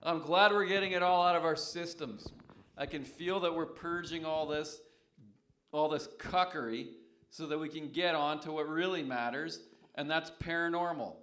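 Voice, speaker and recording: Man hosting a call-in show, fairly high voice, very bright tone, brash insults. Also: moderate pace, roomy sound. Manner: brash, trash-talking, trading insults. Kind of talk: late-night call-in banter. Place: indoors on a stormy night by candlelight.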